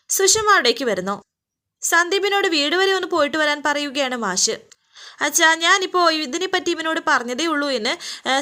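Bright, high-voiced woman narrating. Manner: retells scenes in present tense, voicing the characters' quoted lines. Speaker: serial episode recap narrator. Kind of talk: storytelling recap of a TV serial.

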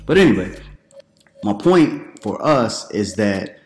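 A man in his thirties talks to camera as a preacher, chatty and questioning, with animated asides. His voice sits a little low. The home room rings noticeably, and faint music plays underneath. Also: slow, reverberant. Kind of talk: casual commentary to camera.

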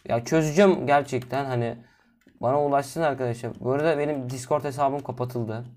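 A man doing solo gameplay commentary, chatting to viewers, drifting from low mumbling into sudden loud exasperated outbursts and curses. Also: fairly even intonation, brisk. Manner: cursing, exasperated asides to viewers. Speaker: gaming video host.

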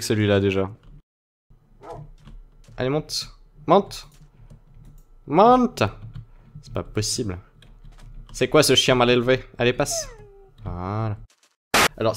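A young man giving playful let's play commentary on a game, often breaking into high, panicked shouts. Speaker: gaming video host.

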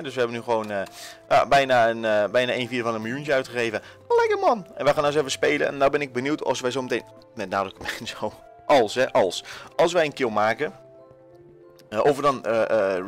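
A young man with a Dutch accent giving casual, jokey gameplay commentary to his viewers, swearing and full of fillers. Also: medium pitch. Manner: energetic, jokey, swears, shouts when panicking; many fillers, talks to viewers. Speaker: gaming YouTuber.

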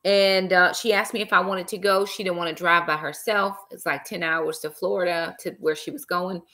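A woman's voice: on the low side, fairly even intonation, moderate pace, pushed and bright. A middle-aged woman hosting a casual live stream from a small room, chatting on her laptop webcam and dropping y'all and praise interjections. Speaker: author and live-stream host. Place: small room indoors, seated in an armchair.

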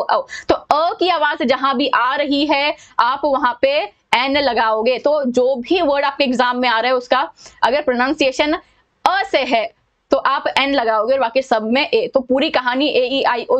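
High-voiced Indian woman teaching grammar. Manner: explains step by step with questions; chatty and informal with students. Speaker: English teacher. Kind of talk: exam-prep grammar lesson.

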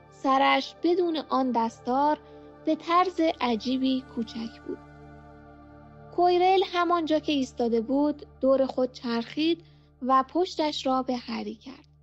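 A woman narrating an audiobook at home in a steady, dramatic storytelling manner. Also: high voice. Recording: muffled lo-fi home recording.

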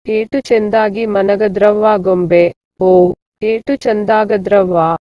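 A woman's voice: medium pitch, steady tone, slow pace, dry recording, lightly acted. A woman voicing a poor six-year-old village girl who talks in rustic speech and sounds motherly beyond her years. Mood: tender. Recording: dull, muffled dry recording.

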